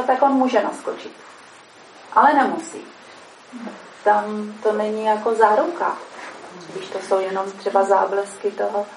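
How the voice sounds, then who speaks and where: A woman speaking in a calm, measured, explanatory way, pausing to search for words. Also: medium pitch. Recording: echoey room, mic far off, faint noise.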